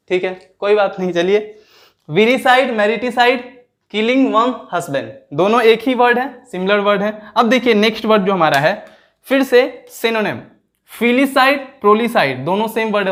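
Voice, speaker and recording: A man teaching an exam vocabulary lesson, repeating each word slowly and drawing it out as he checks that his students understand. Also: high-pitched, a bit bright. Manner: asks students questions and checks their understanding.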